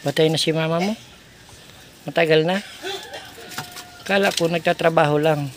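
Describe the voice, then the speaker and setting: A man's voice: a little high, steady tone, moderate pace, a little hiss or hum. A man filming a casual vlog, coaxing children to speak with short repeated prompts. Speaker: vlogger visiting a needy family.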